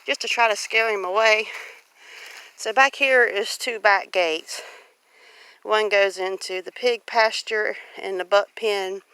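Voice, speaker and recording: Her mid-range voice slow, steady, smooth, and pushed and bright, a Southern-accented homesteader from Louisiana walks outdoors on her rural property, explaining things in a chatty, folksy vlog. The handheld phone audio has no echo, just faint outdoor noise.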